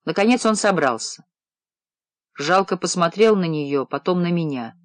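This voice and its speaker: A man reading a first-person novel aloud in a low, measured narrating voice. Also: animated, no echo. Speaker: audiobook narrator. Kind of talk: scripted narration.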